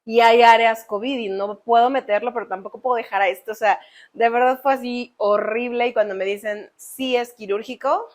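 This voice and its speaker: A woman with a Mexican accent, co-hosting a podcast, tells an emotional personal story in a lively way and acts out the voices she quotes. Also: fairly high pitch, normal speed. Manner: animated, acts out quoted voices, frequent fillers. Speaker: podcast co-host.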